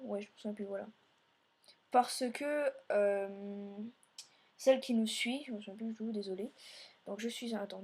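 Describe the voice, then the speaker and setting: A woman's voice: fairly high pitch, husky. Meandering woman narrating her gameplay. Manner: meandering, filler-heavy narration while playing; speaks directly to viewers. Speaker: let's play host. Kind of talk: let's play commentary.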